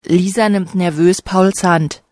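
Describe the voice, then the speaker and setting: A woman narrating a short story slowly and carefully, for language learners. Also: lowish voice, fairly even intonation, a little mellow, no echo, clean studio sound.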